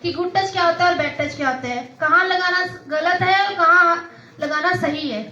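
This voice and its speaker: A woman's voice: very high-pitched, normal speed, sharp tone, lo-fi sound. A woman trainer teaching schoolchildren about safety, coaxing them with questions. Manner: coaxing, asks children questions. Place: school event with children. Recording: echoey, distant, crowd and noise.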